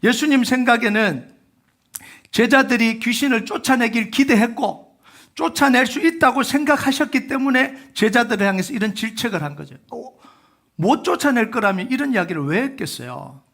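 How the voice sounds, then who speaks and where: A man's voice: extremely high pitch, animated, normal speed, a bit bright. A man preaching a Sunday sermon as pastor, talking to the congregation conversationally with rhetorical questions and leading them in reading scripture aloud. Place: church sanctuary.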